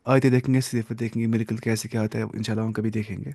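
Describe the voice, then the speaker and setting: A man's voice: on the low side, flat delivery, vocal fry, warm tone, dry recording. Man teaching a hadith lesson. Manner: explains with questions and recaps.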